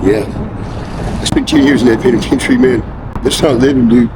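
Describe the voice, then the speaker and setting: A middle-aged American man with a folksy country drawl, chatting casually in a rambling, halting, profane way. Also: steady tone. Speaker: homeless interviewee. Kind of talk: casual street chat. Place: outdoors near railroad and traffic. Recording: noisy outdoor recording with traffic rumble.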